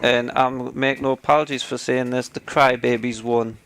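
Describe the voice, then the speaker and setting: A man's voice: mid-range voice, flat delivery, normal speed, vocal fry, fairly bright tone, slight background noise. A man co-hosting a casual gaming chat show, ranting sarcastically and getting worked up about his topic. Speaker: podcast co-host.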